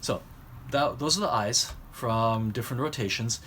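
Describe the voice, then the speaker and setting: A man's voice: mid-range voice, fairly bright tone, a little hiss or hum. Man teaching drawing step by step. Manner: explanatory, talks while drawing, pauses mid-phrase. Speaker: drawing instructor. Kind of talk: recorded art lesson.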